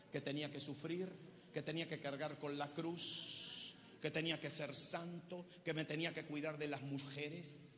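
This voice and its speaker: Preaching in a large church hall, a pastor in his fifties swings from shouts to low, quiet lines and poses call-and-response questions to the congregation. Faint noise and church hall reverb can be heard.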